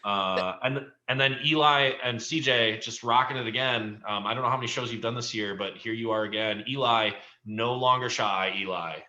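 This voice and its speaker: A man's voice: mid-range voice, normal speed, hardly any pauses, sharp tone, highs cut off. A man co-hosting a casual recap, talking through performers with encouraging, rambling remarks and plenty of fillers. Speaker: improv league coach and co-host.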